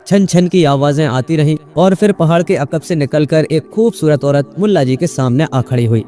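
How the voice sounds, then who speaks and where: Mellow male storyteller over soft music. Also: a little high. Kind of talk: scripted narration.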